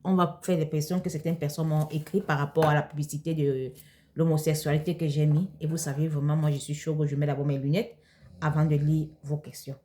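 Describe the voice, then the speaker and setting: A woman's voice: low-pitched, little pitch movement, a little fast, dark tone. A woman from Cameroon, talking casually in a vlog and answering viewer questions in a hesitant way, with many fillers and restarts. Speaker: vlogger.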